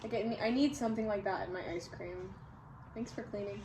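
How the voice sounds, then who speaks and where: A woman's voice: mid-range voice, brisk, warm tone. A young adult woman in a casual chat, talking in slangy, conversational phrases full of "like". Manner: filler-heavy, slangy conversational talk with frequent "like". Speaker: vlogger in a food Q&A video with a friend. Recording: roomy, distant mic, clear background noise.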